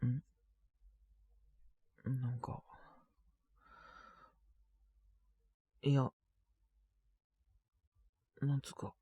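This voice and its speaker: Sounding close to an everyday voice, mid-range and darkish, an actor portrays a young man sick with a cold and coughing frequently. He is evasive and puzzled as he grumbles politely to his senior, using casual junior speech with sighs and mumbled, reluctant replies. This studio-quality, dry recording is from an intimate one-sided Japanese BL situation voice drama.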